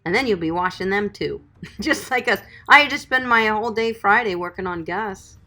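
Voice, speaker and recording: A dog groomer livestreaming with faint music behind her speaks at normal speed in a medium-pitched, pushed, bright voice. Chatty and upbeat, she answers viewer comments with encouraging tips, addressing her audience as "guys" and "sweetie."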